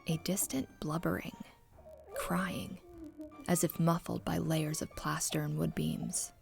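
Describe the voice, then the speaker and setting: A woman narrating a scary story in the first person with a low, husky, breathy voice and a hushed, haunting delivery. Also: steady tone, takes it slowly, over music.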